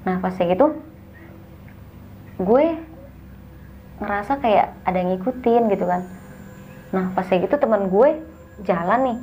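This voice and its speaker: Young woman, mellow voice, lively casual storytelling, faint background noise. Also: mid-range voice, a little slow, long pauses, rough recording. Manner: animated, acts out the dialogue. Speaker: guest storyteller.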